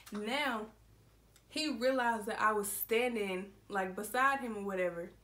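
21 yr old woman doing a storytime vlog, kinda high voice, laughs a lot, chatty and animated. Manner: animated, laughing, addresses viewers as y'all. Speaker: vlogger.

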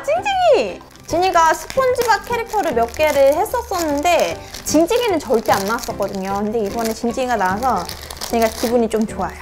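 Young woman, toy unboxing for kids, high voice, lively sing-song delivery, talks to viewers as friends. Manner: calls herself by name, talks to viewers as friends; sing-song reveal cries.

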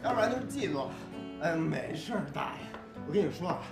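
A man's voice: on the high side, expressive, quick pace, creaky. An actor playing a drunken divorced young man who rambles, slurs and teases in a TV drama. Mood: drunk teasing. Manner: slurred, rambling and teasing. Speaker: drunken ex-groom. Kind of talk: TV drama acting. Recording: echoey room with background music.

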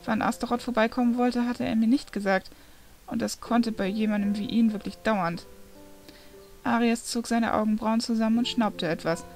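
A woman's voice: a little high, fairly even intonation, moderate pace, darkish tone, soft background music. Woman reading a novel aloud. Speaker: reader.

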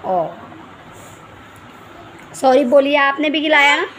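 A woman's voice: high voice, animated, takes it slowly, fairly bright tone, a little hiss or hum. A young mother in a casual family vlog, talking to viewers while scolding and cooing at her small children. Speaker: vlogger mother.

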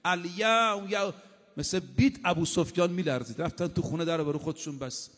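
High-voiced male preacher in a reverberant hall. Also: fairly bright tone. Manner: recites short Arabic sayings, then explains them in casual spoken Persian; addresses the audience directly, with emphatic repetition. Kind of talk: sermon.

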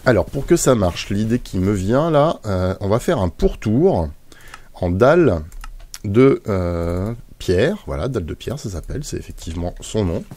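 A man hosting a gaming video, giving casual, chatty commentary as he builds. He talks playfully and fills pauses with little mouth sound effects. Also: lowish voice, big pitch swings, a little mellow.

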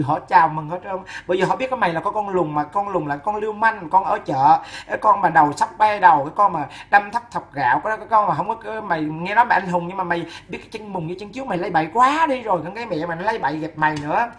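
A woman delivers a long, furious scolding rant. She fires off insults at a rapid clip, in a fierce, sing-song rhythm. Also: mid-range voice. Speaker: woman ranting at a neighbor. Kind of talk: ranting scolding monologue.

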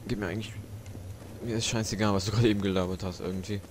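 A man's voice: lowish voice, fairly even intonation, rapid-fire, slight background noise. A young man giving casual, frustrated commentary while he plays, swearing often. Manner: swears a lot, frustrated, rambling. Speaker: let's play gamer. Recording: gunfire from the game loud behind.

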